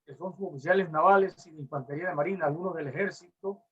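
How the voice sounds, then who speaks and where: A man's voice: fairly high pitch, fast, breathy edge. Guy on a far-off muffled call line, formal but hesitant, lots of ums. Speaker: meeting participant. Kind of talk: formal request at an online meeting. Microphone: video call. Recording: distant, muffled call audio.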